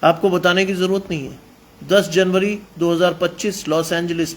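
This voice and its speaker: High-voiced preacher, emphatic. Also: male voice, fairly even intonation, moderate pace. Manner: mixes English phrases into emphatic preaching. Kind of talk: sermon.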